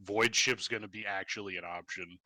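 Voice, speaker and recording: A man's voice: on the low side, fairly even intonation, a little fast, sharp tone, no room sound. A man playing a tabletop game with friends over a voice call, talking casually with slang and jokes. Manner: laid-back, slangy, joking. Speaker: player. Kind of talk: casual chat while building a character.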